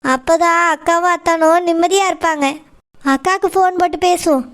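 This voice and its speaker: A woman's voice: extremely high pitch, brisk, fairly bright tone. A woman voicing an outspoken young woman in a village cartoon, urging her elder sister in a blunt, insistent, scolding way. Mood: worried.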